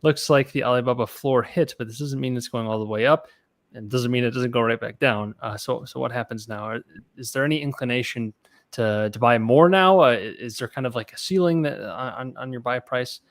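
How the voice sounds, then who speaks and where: A man co-hosting a casual investing podcast, talking loosely with quick restarts and easy laughs. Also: mid-range voice, dry recording. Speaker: podcast co-host reading chat questions.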